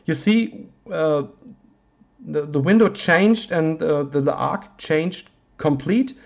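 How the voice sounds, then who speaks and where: A native German speaker with a German accent gives an informal, hands-on synthesizer tutorial, haltingly searching for words in his non-native English. His voice is a little high and creaky, and the sound is lo-fi.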